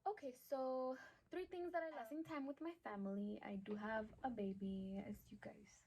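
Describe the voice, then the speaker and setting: A woman's voice: on the high side, steady tone, moderate pace, dark tone, husky. A woman in her twenties with an El Paso Texan accent, talking casually to camera in a Q&A, with lots of "um"s and "like"s. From Texas, USA. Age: 20s. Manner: chatty, many "um"s and "like"s. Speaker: vlogger.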